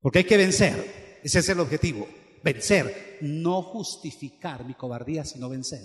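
A man's voice: a little high, animated, moderate pace. A man preaching a sermon as pastor, impassioned and exhorting, repeating phrases for emphasis. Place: church sanctuary. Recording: echoey hall with long reverb.

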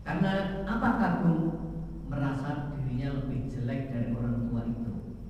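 A man giving a slow, emphatic sermon in a large mosque hall, now and then singing a phrase, recorded by a far camera. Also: mid-range voice, expressive, darkish tone, slight background noise. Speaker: religious teacher. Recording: echoey hall from far off, dull.

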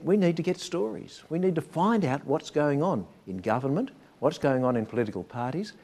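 A man, a political journalist, answering interview questions in a halting way with many restarts. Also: medium pitch, darkish tone.

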